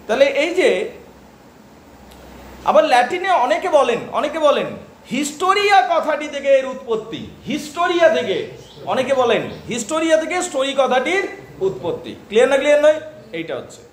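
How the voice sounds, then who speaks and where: A man with a Bengali accent teaching English literature in a classroom lecture, often pausing to check that students follow. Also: very high-pitched, big pitch swings, reverberant, a little hiss or hum.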